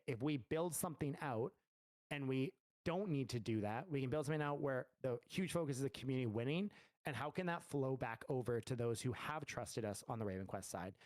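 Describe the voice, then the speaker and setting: A man's voice: mid-range voice, dry recording. A man, a game studio founder, answering community questions in a loose, rambling livestream chat full of fillers and restarts. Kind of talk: casual livestream Q&A.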